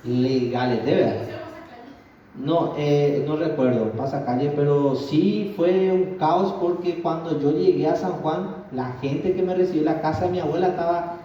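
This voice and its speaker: Earnest man telling his testimony from far off in a booming church hall, slightly high voice, muffled sound. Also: a little slow. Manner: earnest, addresses the congregation directly. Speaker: guest giving a testimony. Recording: very echoey hall from far off, dull lo-fi.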